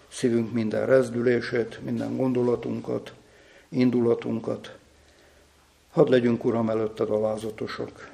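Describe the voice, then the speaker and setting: A man preaching a sermon who reads a story and then leads a prayer in a slow, solemn way. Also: mid-range voice, gravelly, warm tone, reverberant. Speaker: pastor.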